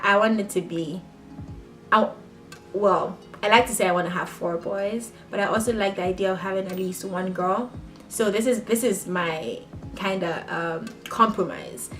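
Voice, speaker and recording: A young woman raised in Ghana, chatting casually to her camera as a vlogger while answering tag questions, talking straight to her viewers with laughing asides. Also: mid-range voice. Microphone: camera on a table.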